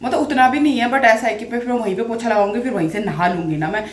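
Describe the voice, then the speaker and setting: A woman's voice: a little high, quick pace, slightly rough. A woman, chatting in a rambling, casual way in a daily home vlog, often mixing in English phrases. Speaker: vlogger.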